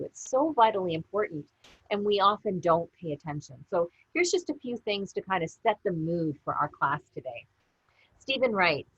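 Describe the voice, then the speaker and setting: A woman yoga teacher gently guiding a class through slow breathing and movement. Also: mid-range voice, breathy edge, no echo, dull audio. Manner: gentle, unhurried guidance. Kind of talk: guided yoga class instruction.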